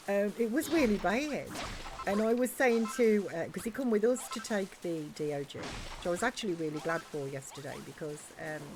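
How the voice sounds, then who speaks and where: While playing a game, a woman streamer chats casually and rambles through stories, sprinkling in regional slang. Her voice is mid-range and a little mellow, with slight background noise.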